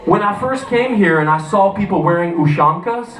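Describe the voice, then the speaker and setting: An American man performing a stand-up comedy set, telling profane, animated stories and acting out the voices of the people in them. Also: high voice, normal speed, a little hiss or hum. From United States. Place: comedy club stage with a live audience. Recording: roomy club sound, distant mic, audience laughter.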